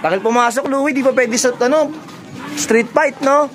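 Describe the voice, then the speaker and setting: A man vlogging about his racing pigeons outdoors, talking excitedly in a running commentary, sweaty and out of breath. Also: very high-pitched, moderate pace, music in the background. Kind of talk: casual vlog commentary. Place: outdoors at a backyard pigeon loft. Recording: noisy outdoor recording.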